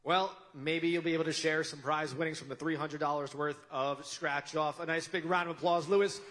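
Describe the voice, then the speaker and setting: A man's voice: fairly high pitch, steady tone, moderate pace, fairly bright tone, a little hiss or hum. A man co-hosting a live event, interviewing winners on stage in an upbeat style.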